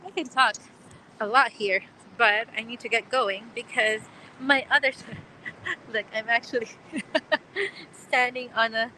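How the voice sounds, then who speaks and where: A woman's voice: on the high side, takes it slowly, long pauses, bright, forceful tone, a little hiss or hum, poor audio. A young woman hosting a casual live question-and-answer stream outdoors, chatty, with frequent laughs and fillers. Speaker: livestream host. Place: outdoors on a platform.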